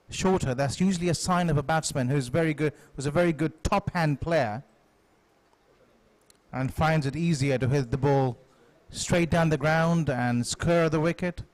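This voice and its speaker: A man giving live cricket commentary in a measured, analytical manner. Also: a little high.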